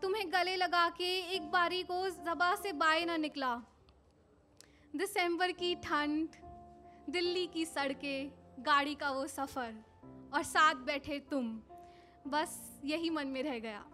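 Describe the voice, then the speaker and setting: Soft-spoken young woman reciting poetry. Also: high-pitched, fairly even intonation, slow, faint music behind. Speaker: poet. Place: small indoor open-mic stage in a cafe. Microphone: handheld mic on a stand.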